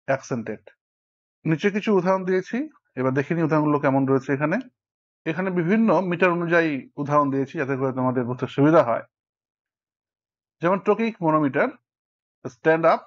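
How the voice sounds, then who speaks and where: Bengali-speaking male teacher, lo-fi sound. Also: fairly high pitch. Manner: counts syllables aloud while explaining. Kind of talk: explanatory lesson. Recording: dull lo-fi recording.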